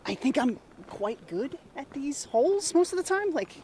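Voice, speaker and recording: A woman's voice: sits high, big pitch swings, normal speed, mellow, a little hiss or hum. A woman athlete chatting informally and a little hesitantly in an outdoor interview. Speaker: competing athlete. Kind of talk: casual on-course interview. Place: outdoors, walking on a fairway.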